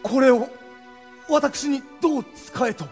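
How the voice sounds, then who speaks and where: A man's voice: a little high, animated, a little slow. An actor playing a tense, loyal male vice-commander who speaks in a clipped, formal, deferential way, on a stage recording with music.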